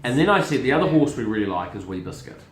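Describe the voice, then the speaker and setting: A middle-aged man hosts a casual family chat show about horse racing and also manages a racing syndicate; he's chatty and repeats words while searching for them. His mid-range voice is sing-song and fast, with a little hiss or hum and a roomy echo.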